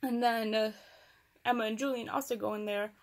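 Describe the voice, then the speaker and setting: A woman's voice: a little high, fairly even intonation, brisk. A young woman casually recapping a novel on her vlog, chatty and rambling, with sarcastic asides. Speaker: book reviewer.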